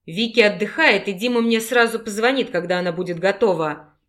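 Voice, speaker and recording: A woman reading an audiobook and voicing a gruff, possessive male wolf-pack leader with a low growling manner. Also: brisk, a bit bright, natural voice. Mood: hungry, teasing.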